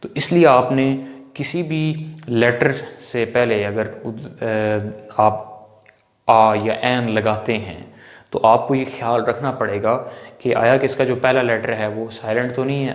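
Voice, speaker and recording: A man teaching English grammar in a patient, repetitive lecture, often putting questions to his viewers and answering them himself. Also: mid-range voice. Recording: echoey room with long reverb.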